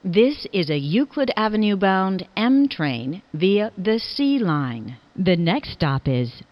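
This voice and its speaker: A woman's voice: medium pitch, very animated, slow pace, no room sound. A woman reading scripted automated train announcements as a transit announcer, in dull lo-fi audio.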